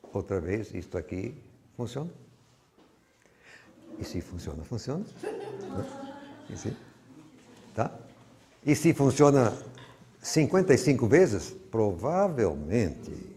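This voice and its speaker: A man's voice: on the low side, warm tone. An older man from Brazil with a Brazilian Portuguese accent, giving a rambling, conversational teaching talk full of personal stories. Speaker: Bible teacher.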